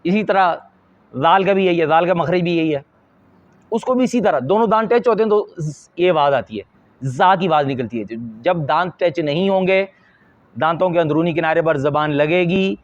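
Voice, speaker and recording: A man, a Quran teacher from Pakistan, explains pronunciation mistakes to teachers in an earnest, deliberate instructional talk. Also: high-pitched, animated, no room sound. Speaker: Quran teacher and madrasa supervisor. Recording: slightly dull lo-fi audio.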